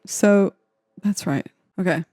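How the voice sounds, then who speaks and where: A music producer with a mid-range, dark-toned voice talks slowly and casually as she builds a beat, vlog-style, rambling with lots of "like" and playful asides. Faint music plays behind her.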